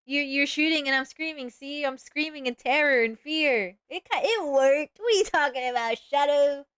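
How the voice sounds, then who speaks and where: A woman's voice: high-pitched, moderate pace, fairly bright tone, no room sound, studio quality. A woman streaming live as a VTuber, chatting casually and playfully while she animates, with sudden dramatic outbursts.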